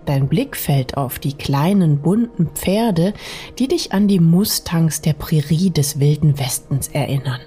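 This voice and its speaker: Soft whispery lady doing a sleep story narration, really slow and soothing, bit of music behind. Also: deep voice, lively intonation. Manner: soft, soothing, partly whispery, addressing the listener intimately. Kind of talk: scripted bedtime sleep story narration, guided relaxation.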